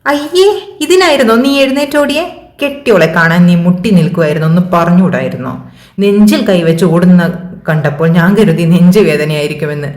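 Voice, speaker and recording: A woman voicing a goofy, overdramatic young male college friend who talks in excited bursts. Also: lowish voice, normal speed, echoey room, close to an everyday voice. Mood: sheepish.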